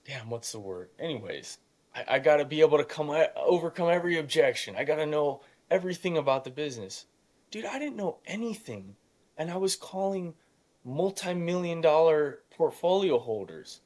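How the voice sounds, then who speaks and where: As a podcast guest, this young real estate investor of eighteen speaks casually and emphatically in motivational storytelling, often playing out imagined conversations. His pitch is fairly high and sing-song with a darkish tone at a moderate pace, and his youthful voice sometimes cracks.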